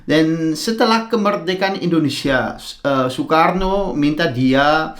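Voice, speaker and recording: Male creator, unhurried and halting, slightly high-pitched. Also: fairly bright tone. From Netherlands. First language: Dutch. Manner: hesitant, frequent "eh" fillers and restarts. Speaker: content creator explaining language history. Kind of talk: casual explainer talking to camera.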